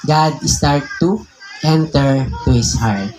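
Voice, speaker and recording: A man with a Filipino accent, a pastor telling a personal story in a conversational, animated sermon, often laughing. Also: fairly high pitch, slow pace, over music. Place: church hall.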